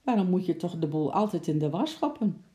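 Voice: medium pitch, animated, fairly quick, warm tone, close to an everyday voice. The storyteller voicing a busy mother who frets and scolds fondly. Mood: fretful. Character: worried busy mother, flustered.

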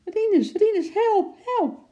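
A woman voicing an easily startled housewife in a storybook reading, who gets shrill when frightened or cross. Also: lively intonation, unhurried, warm tone, dull audio.

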